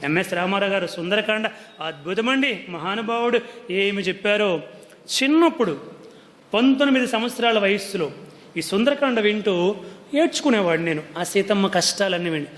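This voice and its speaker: High-pitched male devotional storyteller, earnest and coaxing, recorded with a lingering hall echo. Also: expressive, normal speed, a bit bright. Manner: explains earnestly, often coaxes listeners with "andi". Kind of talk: religious discourse. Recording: long hall reverb.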